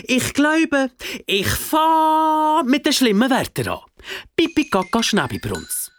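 A woman's voice: high-pitched, big pitch swings, slow, a little hiss or hum, voice pushed up, full character voice. A woman voicing a cunning little girl who fakes tears, bold and mocking, with a Swiss German accent. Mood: cheeky.

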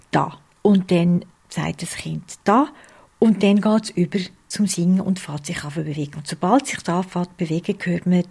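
A woman with a Swiss German accent speaks as a researcher in an interview, laying out her points patiently and step by step. Her voice is gravelly and husky, with a mellow, darker tone. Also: lowish voice. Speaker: early childhood music researcher. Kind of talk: explanatory interview answers.

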